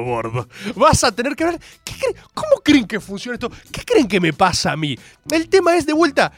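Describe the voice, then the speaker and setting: A young man with a Rioplatense accent hosting a show, ranting sarcastically in a monologue. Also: high-pitched. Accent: Rioplatense Spanish. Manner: sarcastic, animated, mocking voices. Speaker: host.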